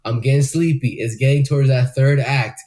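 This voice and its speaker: Young male podcast co-host, loose and rambling, casual chat full of "um" and "like", mid-pitched. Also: fairly even intonation, brisk, dark tone. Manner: loose, rambling, swears a lot, many fillers.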